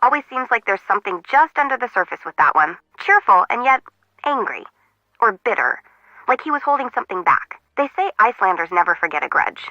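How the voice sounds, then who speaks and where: A woman's voice: fairly high pitch, big pitch swings, fairly quick, pushed and bright, no room sound. A woman voicing a quirky young female harbor intern in a game, rambling and joking at her own expense, with a muffled, lo-fi sound. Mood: chatty. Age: young adult. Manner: rambling, joking, self-mocking.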